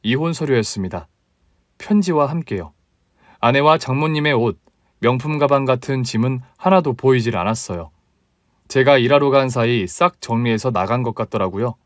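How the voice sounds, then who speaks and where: A man's voice: mid-range voice, moderate pace, dry recording, clean studio sound. Weary man narrating a personal story. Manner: calm, weary, confessional.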